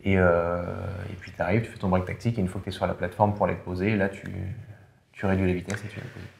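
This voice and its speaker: A man, a pilot guest, explaining calmly and matter-of-factly in a casual interview. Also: sits low, very fast, reverberant, slight background noise. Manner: calm, matter-of-fact explainer.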